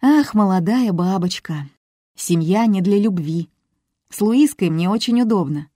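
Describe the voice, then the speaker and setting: A woman's voice: medium pitch, lively intonation, unhurried, warm tone, no echo, clean studio sound. A woman reading a smug, condescending older man.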